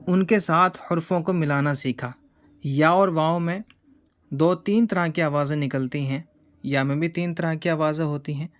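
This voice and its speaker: Guy from india doing a reading lesson, a bit high-pitched, slow deliberate letter by letter spelling. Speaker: Urdu reading teacher.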